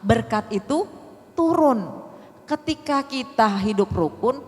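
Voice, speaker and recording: A middle-aged woman evangelist, giving a conversational sermon with quick, lively delivery. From Manado, Indonesia. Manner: fast, often high-pitched, lively talk. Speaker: evangelist preacher. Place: church hall. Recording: church hall reverb.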